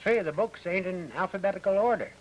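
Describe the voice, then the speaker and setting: An actor playing a blunt, suspicious, fussy store bookkeeper in a 1950s drama, grumbling in folksy, ungrammatical talk. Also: male voice, sits high, quick pace, lo-fi sound, a little hiss or hum, natural voice. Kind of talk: 1950s TV drama character acting.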